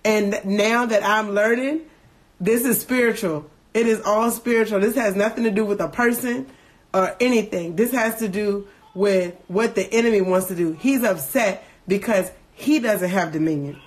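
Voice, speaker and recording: A woman hosting a devotional livestream, reading scripture slowly and deliberately, then breaking into quick, animated asides. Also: mid-range voice. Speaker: podcast host leading a devotional livestream. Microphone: phone livestream.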